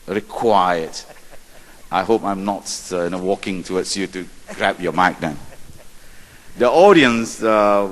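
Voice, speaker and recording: Man, conference moderator, low voice, slow and measured, long hall reverb. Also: a bit bright. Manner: measured, with light asides. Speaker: session moderator.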